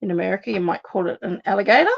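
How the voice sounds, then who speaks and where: Racing along at medium pitch, this Australian woman chats and thinks aloud to viewers while demonstrating card-making in a casual live session. Her slightly worn voice, which she's starting to lose a little, comes across gravelly with a breathy edge. The audio is dull.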